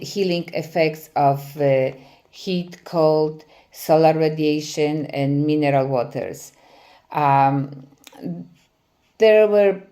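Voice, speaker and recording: A middle-aged Polish woman, a physical therapy professor with a Polish accent, gives a conference presentation. Her voice is low and dark. She hesitates frequently, pausing with many "uh" fillers.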